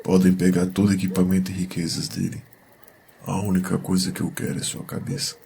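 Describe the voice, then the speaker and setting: A grave young prince of a fantasy audio drama, played by a man, solemn and used to giving orders. His voice is deep and gravelly, with little rise and fall. Faint noise sits behind it. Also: completely flat delivery, fairly quick, mellow, heavily acted. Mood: bitter, vengeful. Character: grave young bastard prince seeking revenge.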